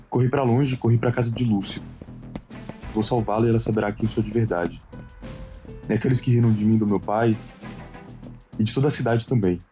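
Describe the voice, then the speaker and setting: Male narrator, lowish voice, wry conversational read of an animated story, light music under. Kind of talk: scripted first-person story narration.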